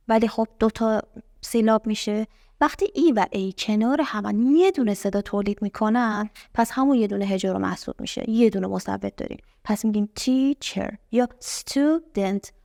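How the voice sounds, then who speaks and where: A young adult woman teaching an English lesson, patiently asking the class questions and repeating words slowly to show their syllables. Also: mid-range voice, creaky, a little mellow, dry recording, studio quality. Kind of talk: explaining a language lesson.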